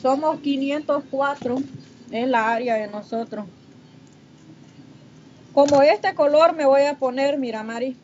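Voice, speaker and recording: While applying makeup on a livestream, a Honduran Spanish-accented woman reads out viewers' comments and responds to them in casual conversation. She has a high-pitched, slightly mellow voice and an unhurried delivery with frequent pauses, though the audio comes through muffled and noisy.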